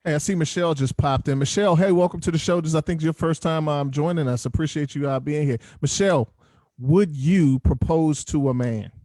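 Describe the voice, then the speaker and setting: Slightly high-voiced man hosting, very dry sound. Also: fairly quick, darkish tone, no room sound. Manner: conversational, prompting others with questions. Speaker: host of a call-in discussion. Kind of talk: casual moderated discussion. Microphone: group call.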